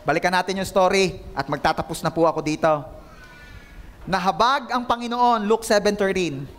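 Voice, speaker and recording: A man's voice: high-pitched, moderate pace, a bit bright, a little hiss or hum. A male pastor giving an emphatic sermon, calling on the congregation to repeat after him and mixing Tagalog with English.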